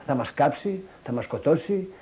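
A family member recounting events in an agitated way, quoting what others said. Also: male voice, a little high, expressive, mellow.

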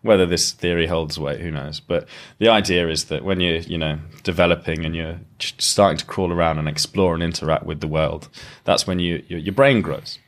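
A man with a very low, deep voice. He speaks as a podcast guest, thoughtful and explanatory, circling back and restarting his sentences as he works through an idea. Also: fairly even intonation, a little fast, few pauses. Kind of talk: reflective conversational interview.

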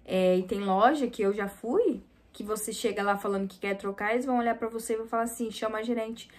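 A woman's voice: mid-range voice, fast talker, darkish tone. A woman with a Brazilian Portuguese accent, a small clothing store owner, chatting casually and venting to her viewers. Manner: chatty, venting, often addresses viewers directly. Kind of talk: casual vlog storytelling.

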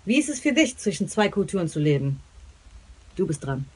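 A woman's voice: on the low side, big pitch swings, a little fast, darkish tone, slightly rough. A former guest, a woman, recording a friendly, playful video question.

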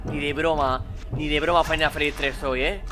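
A young man from Spain streaming a horror game, who swings from low muttering to panicked shouting. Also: fairly even intonation, a little fast, music in the background. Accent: Spain Spanish. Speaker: gaming streamer. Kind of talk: live gameplay commentary.

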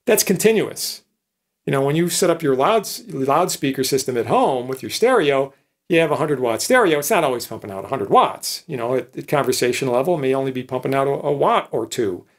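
A professor in his sixties gives an informal lecture on electronics, explaining in a conversational way and often checking in with tag questions. His medium-pitched voice is animated and brisk.

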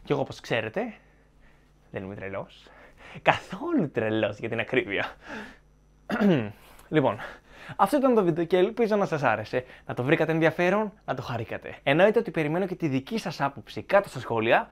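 Sarcastic man giving opinionated commentary. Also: fairly high pitch. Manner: argumentative and sarcastic. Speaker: film commentary YouTuber.

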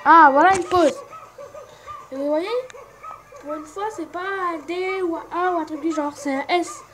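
This gaming channel host, a young woman with a very high-pitched voice, chats at a normal speed about a rhythm game, giggling and teasing herself. Game music plays faintly behind her, a crowd can be heard in the background, and the recording is rough.

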